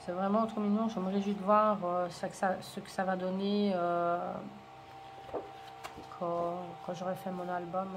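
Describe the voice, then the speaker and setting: A woman's voice: lowish voice, flat delivery, unhurried, noisy background. A woman chatting hesitantly in a craft haul vlog, full of fillers and gushing over cute items. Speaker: scrapbooking haul vlogger. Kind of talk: casual show-and-tell chat.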